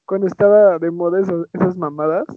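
A young Mexican man on a chat show, dropping crude wisecracks in a casual tone. His voice is high for a man, and the sound is dull and muffled. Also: steady tone, quick pace. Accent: Mexican Spanish. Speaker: podcast co-host.

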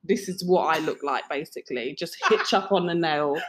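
A woman's voice: sits low, normal speed, crowd noise. A hungover woman co-hosting a podcast, rambling playfully in casual chat and giggling often. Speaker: podcast co-host.

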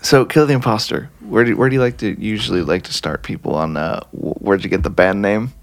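A man's voice: fairly low pitch, a little fast. A man hosting a casual podcast, rambling and laughing a lot as he interviews a guest. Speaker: podcast host.

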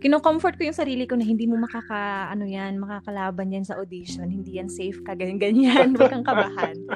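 A young woman casually telling a story, animated, laughing often and acting out what people said. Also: medium pitch, fast talker, crowd noise. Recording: music playing behind.

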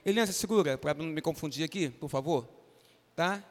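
Brisk and fairly high-pitched, a pastor with a Brazilian Portuguese accent coaxes children by name to answer during an interactive church Bible lesson. His words ring through a reverberant hall.

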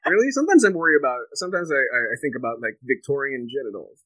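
A man's voice: mid-range voice, sing-song, racing, fairly bright tone, no echo, poor audio. Playful young man hosting a podcast. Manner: playful, jokey, alliterative wordplay. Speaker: podcast host. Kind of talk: casual podcast chat.

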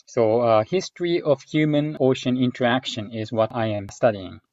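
A man's voice: mid-range voice, normal speed, a little mellow, lo-fi sound. A man from Japan, a researcher answering interview questions in a hesitant, thinking-aloud way with many fillers. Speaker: guest researcher.

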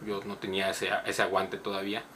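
Brief: middle-aged Mexican man, podcast host, lively storyteller, bright tone, faint background hiss. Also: sits low, fairly quick. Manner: animated, laughing, swears often. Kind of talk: casual storytelling chat.

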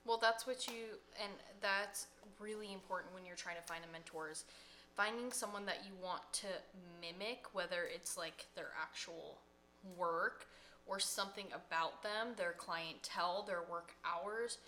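Bright-voiced woman giving casual advice. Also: fairly low pitch, measured pace. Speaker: podcast co-host, hairstylist. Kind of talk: casual chat. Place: at home.

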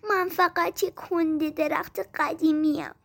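A woman voicing a gentle, loving old tree in a storybook reading, speaking softly and tenderly. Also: sits high, fairly even intonation. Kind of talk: storybook narration.

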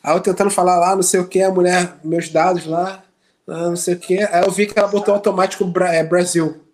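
Carioca man, podcast host, lively storyteller, casual banter, mimics others in a raised voice. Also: fast. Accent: Rio de Janeiro Portuguese. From Brazil. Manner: animated storyteller, acts out quotes in high voice. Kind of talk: casual chat.

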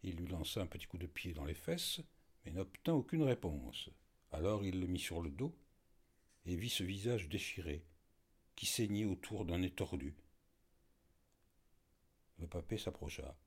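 Deep husky male storyteller. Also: unhurried, long pauses. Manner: expressive storytelling. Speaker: audiobook narrator. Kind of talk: literary narration.

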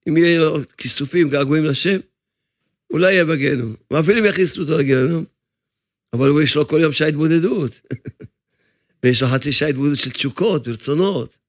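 A man's voice: fairly high pitch, pauses often, no echo, clean studio sound. A man preaching a sermon as a rabbi, emphatic, driving his points home by repeating phrases.

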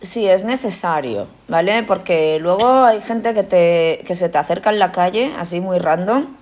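A podcast host with a Spain Spanish accent chats casually, telling anecdotes bluntly, swearing and acting out the dialogue. Her voice is on the low side with a darkish tone, at a moderate pace.

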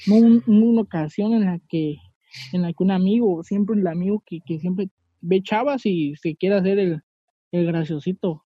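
A woman's voice: mid-range voice, moderate pace, slightly rough, no echo, lo-fi sound. A woman chatting casually, telling rambling stories with restarts. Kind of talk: casual chat.

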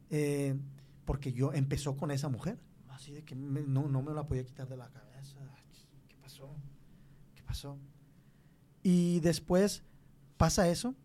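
Earnest mexican man telling his testimony. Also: mid-range voice. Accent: Mexican Spanish. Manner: earnest, halting, with many restarts and soft asides. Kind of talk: personal testimony in conversation.

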